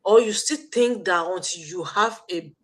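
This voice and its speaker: This woman, Nigerian-accented and hosting an online live stream, speaks at a normal speed with a fairly low pitch and fairly bright tone. Her motivational message is preachy and repetitive, peppered with fillers as she works through her thoughts.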